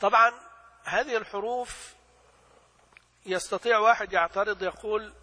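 A man teaching a lesson on a classical text, posing questions and answering them himself, and reciting examples slowly. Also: high-pitched, fairly even intonation, bright, forceful tone, big-room sound. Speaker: religious teacher. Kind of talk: lecture explaining a classical text.

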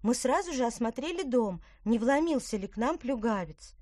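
A woman's voice: a little high, expressive, normal speed, a little mellow, no room sound, clean studio sound, pitched above the performer's own voice. A woman voicing a frightened, indignant little schoolgirl in a storybook.

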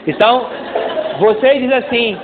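Brazilian male pastor, middle-aged, high voice, joking sermon style, tinny recording with long hall reverb. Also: measured pace, a crowd in the background. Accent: Brazilian Portuguese. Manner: playful, acts out little dialogues, calls for amens. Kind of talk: lively humorous sermon.

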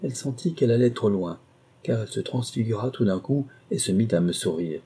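Dark, husky male narrator. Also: lowish voice, expressive, a little fast. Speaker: audiobook narrator. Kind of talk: scripted narration.

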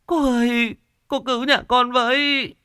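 A man's voice: very high voice, level tone, measured pace, bright, forceful tone, clear, resonant tone, no echo, clean studio sound, voice pushed up, full character voice. A man voicing a frightened older village wife who pleads tearfully. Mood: pleading.

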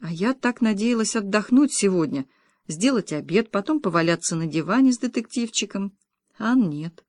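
A woman narrating a first-person audiobook in a wry, lively storytelling manner. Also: medium pitch, normal speed, no room sound.

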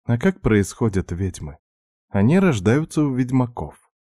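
A man voicing a tired, sharp-tongued young woman who is a doctor and a witch, snapping back indignantly. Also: mid-range voice, very animated, unhurried, dry recording, studio quality, pitched above the performer's own voice. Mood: sharp retort.

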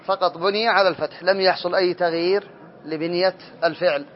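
A quick-paced Arabic morphology teacher with a steady voice that sits high leads a grammar drill, naming students and correcting their answers. Slight background noise runs under the dull lo-fi classroom recording.

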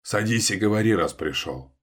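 A man reading an audiobook, voicing a gruff middle-aged father who barks orders and growls. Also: on the low side, lively intonation, normal speed. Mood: scornful.

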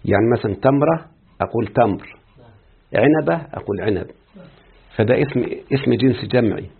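A man's voice: mid-range voice, lively intonation, a little fast, vocal fry, breathy edge. A man with an Egyptian Arabic accent teaching Arabic grammar in a classroom lecture, explaining step by step, repeating terms and putting questions to his students. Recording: tinny phone-like lecture recording.

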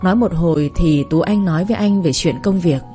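A woman reading a first-person story in a calm, even way, over faint music. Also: lowish voice, brisk. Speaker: narrator.

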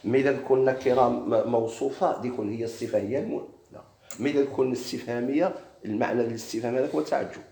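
A man's voice: mid-range voice, very fast, warm tone, roomy sound. A man with a Moroccan Arabic accent teaching a grammar lesson, explaining step by step and quizzing his students with questions. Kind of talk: classroom lesson.

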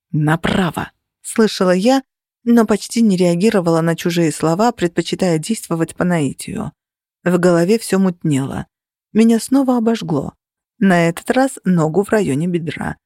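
A woman reads a first-person fantasy story aloud at an even, mid-range pitch. Her storytelling stays steady and lively. The recording is close and dry, with no room sound. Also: no echo. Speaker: audiobook narrator. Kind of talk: scripted first-person narration.

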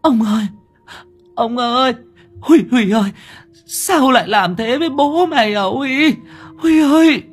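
A shrill, wailing old woman, as a male narrator puts her on, crying out in panic in a horror storybook. The voice leaps high above the reader's own and swings wildly. Faint music plays underneath. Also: animated, measured pace, long pauses, slightly rough, exaggerated voice. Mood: panicked wailing. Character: terrified old village woman, grieving mother.

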